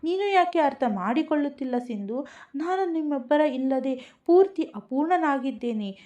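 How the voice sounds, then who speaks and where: A woman's voice: sits high, animated, normal speed, warm tone, voice pushed up. A woman voicing a heartbroken young man who pleads with a choked, tearful voice. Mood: pleading. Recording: dull lo-fi recording.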